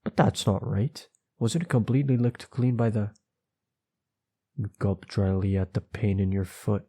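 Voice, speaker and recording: A man reading a second-person horror story aloud, quickly and with stumbles and nervous asides to his viewers. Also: on the low side, warm tone, husky.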